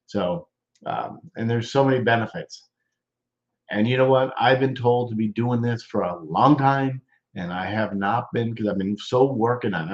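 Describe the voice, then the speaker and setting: A male host with a congested voice talks through a live show in a halting, stop-start way, pausing often before he goes on. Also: on the low side. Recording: dull lo-fi sound.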